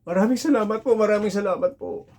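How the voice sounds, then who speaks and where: A hot-headed middle-aged gambler, played by a storyteller, begging loudly for a lucky number. His voice climbs high and strained, pushed well above a calm tone. He is one step away from shouting curses. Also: moderate pace, close to an everyday voice. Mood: grateful. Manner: pleading, then yelling curses.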